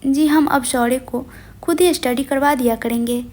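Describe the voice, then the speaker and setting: A woman voicing a shy, gentle young wife who speaks softly and politely in an audio story. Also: high-pitched, measured pace. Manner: soft and polite.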